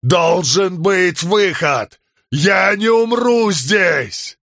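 A man voicing a desperate, defiant aging warlord prince who pleads and shouts at the sky. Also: low voice, expressive, takes it slowly, husky, no echo, clean studio sound, heavily acted.

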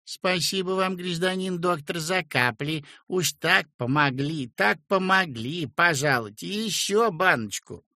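A man voicing a flattering rosy-cheeked village woman of about thirty, talking in a sing-song, fawning way. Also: high-pitched, unhurried, hardly any pauses, breathy edge, no echo, clean studio sound, pitched above the performer's own voice, heavily acted.

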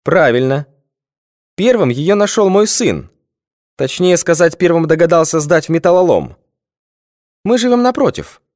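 A man's voice: on the high side, big pitch swings, moderate pace, long pauses, a little mellow, dry recording, clean studio sound, voice pushed up. A man putting on a pompous, raised-voiced official. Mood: mock sympathy. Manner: mockingly sympathetic, solemn, lecturing. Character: pompous badge-wearing male district official.

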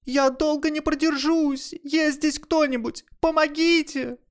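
A man doing a shrill, frightened young woman. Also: steady tone, a little slow. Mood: desperate pleading. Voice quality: shrill falsetto. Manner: pleading, screaming. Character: terrified young woman crying for help.

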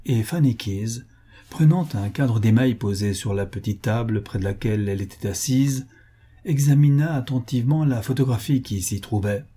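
Mellow, husky male audiobook narrator. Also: mid-range voice. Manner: measured literary reading. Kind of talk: scripted narration.

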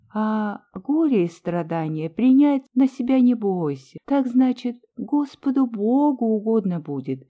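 A woman reader voicing a kindly, pious old peasant woman who speaks softly and consolingly. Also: on the high side, no room sound, voice pushed up. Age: older. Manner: soft, soothing, drawn-out consoling. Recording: dull lo-fi recording.

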